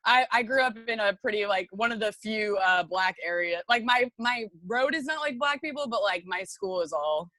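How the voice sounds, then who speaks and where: A woman's voice: medium pitch, expressive, normal speed, hardly any pauses, sharp tone, no echo, rough recording. A young woman with a Long Island accent chats casually and informally as a podcast guest, often giggling and peppering her talk with "like". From Long Island, New York. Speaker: podcast guest, comedian and model. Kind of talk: casual chat.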